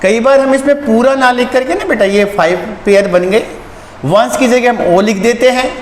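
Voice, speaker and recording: High-voiced man teaching in an echoey room. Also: moderate pace. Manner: patient, asks and answers his own questions, repeats terms, calls students "beta". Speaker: school teacher. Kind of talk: online math lesson for young children. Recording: echoey room with long reverb, faint background noise.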